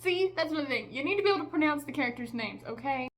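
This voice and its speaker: A woman's voice: sits high, animated, rapid-fire, heavy background noise. A young woman vlogger giving a casual, exasperated movie review, chatty and full of "like" and "okay?".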